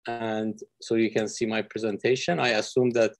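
A middle-aged Iranian man with a lowish voice delivers an online physics lecture over a video call from his windowed office. His tone stays level and his pace moderate. He comes across as friendly and explanatory, using frequent fillers.

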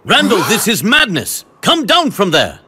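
Professor Layton, measured gentleman with sweeping intonation. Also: high voice, wildly swooping pitch, breathy edge, full character voice. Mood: urgent, commanding. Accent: English. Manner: measured, courteous, earnest. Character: composed, gentlemanly adult male professor and detective. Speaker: voice actor. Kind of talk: animated game cutscene acting. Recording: loud orchestral music behind.

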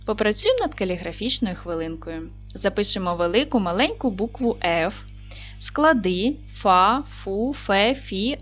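Young woman, kind primary teacher, sing-song animated delivery, slow careful dictation, faint music underneath. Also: mid-range voice. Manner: slow, clear dictation with stressed syllables; gentle, encouraging address to children. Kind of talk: online video lesson for children.

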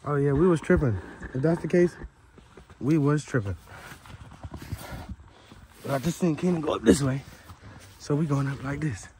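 A young man narrates his own snowy rock climb into a handheld phone camera. His talk is slangy and hyped, always aimed at the viewers. Outdoor noise and mic handling sit clearly under his voice. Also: fairly high pitch, moderate pace, pauses often, mellow. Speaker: vlogger filming himself. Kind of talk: casual vlog narration while climbing. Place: snowy rocky mountain trail outdoors.

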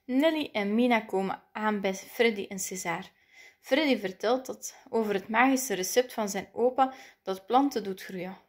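A woman reading a children's picture book aloud, lively and playful. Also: mid-range voice, moderate pace. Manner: lively, playful voices for the characters. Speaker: storybook reader.

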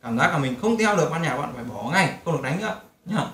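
A man's voice: a little high, animated, fast talker. A man giving a casual guitar lesson, explaining chords and strumming and breaking into hymn lines. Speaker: guitar teacher. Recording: roomy sound with loud guitar. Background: loud guitar playing.

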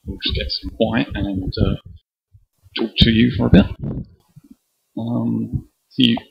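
A man's voice: medium pitch, steady tone, slow, creaky, slightly rough, muffled recording. Man talking through a fuzzy distorted earphone mic. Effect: distorted, fuzzy earphone-mic recording. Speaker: vlogger. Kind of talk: casual dry self-deprecating chat. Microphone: earphone used as a microphone.

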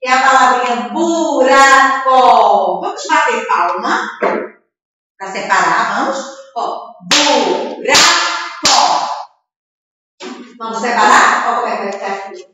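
A woman teaching a remote first-grade reading lesson to young children, sounding out words slowly, syllable by syllable, in a drawn-out sing-song way, recorded from a distant camera mic in an echoey room. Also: fairly high pitch, music in the background. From Brazil.

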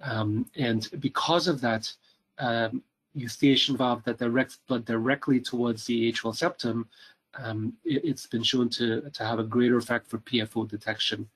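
A man's voice: mid-range voice, steady tone, normal speed, breathy edge, poor audio. A middle-aged man from Canada giving a cardiology rounds lecture, speaking hesitantly with many ums, uhs and repeated words.

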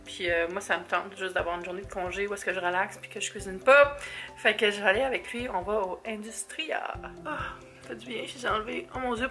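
A woman's voice: medium pitch, bright, forceful tone. A young woman from Quebec with a Québécois accent, chatting casually in a vlog, rambling and laughing often, now and then dropping English words. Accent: Québécois French. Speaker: vlogger. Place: her apartment, indoors.

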